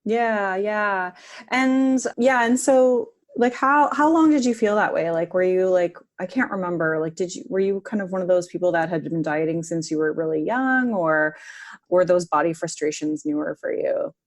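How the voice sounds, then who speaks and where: Speaking at a normal speed in a lowish voice, a podcast host holds a casual interview conversation with her guests on a video call. Her questions are warm-hearted, and "like" crops up often as filler.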